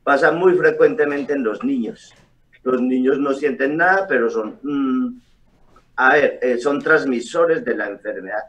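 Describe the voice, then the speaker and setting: Middle-aged doctor on a distant video call. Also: male voice, medium pitch, unhurried, muffled recording. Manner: calm explaining with hesitations. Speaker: doctor guest. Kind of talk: explanatory interview answers. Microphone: webcam on a video call.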